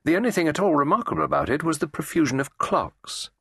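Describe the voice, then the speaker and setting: Man narrating a mystery audiobook, husky low voice, dry close mic. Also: no room sound. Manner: measured, expressive storytelling.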